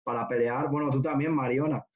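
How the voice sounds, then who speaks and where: A man hosting a casual chat, relaxed, swearing casually with many restarts. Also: mid-range voice, a little fast. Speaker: host. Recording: dull lo-fi sound.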